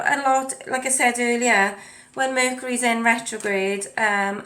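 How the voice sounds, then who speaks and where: A woman's voice: medium pitch, sharp tone. A woman giving a casual spiritual card reading, chatty, with lots of ums and you knows as she reads the card texts aloud. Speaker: tarot and oracle card reader. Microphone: desk mic at a home setup with ring light.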